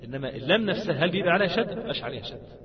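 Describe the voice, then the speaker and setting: A man with an Egyptian accent teaching a lesson on reciting rules, asking rhetorical questions and chanting lines of verse slowly. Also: fairly high pitch, sing-song. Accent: Egyptian Arabic. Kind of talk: Egyptian colloquial lesson on tajweed. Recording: echoey, long reverb, dull lo-fi sound.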